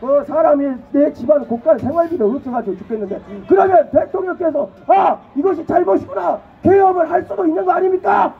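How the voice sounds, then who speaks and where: A young man from Jeolla with a Jeolla dialect gives an impassioned political rally speech, prodding the crowd with rhetorical questions and shouting at times. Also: extremely high pitch, brisk, gravelly, few pauses. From Jeolla, South Korea. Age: young adult. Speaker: rally speaker. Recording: tinny phone-like audio with faint noise.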